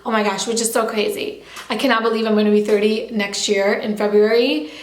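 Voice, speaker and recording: A woman in her twenties talks through a casual Q&A vlog from her apartment, breezy and quick with lots of filler words. Her voice sits a little high, and the room around her rings with echo. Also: steady tone. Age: 20s. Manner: chatty, fast, lots of "like" fillers. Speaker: beauty vlogger.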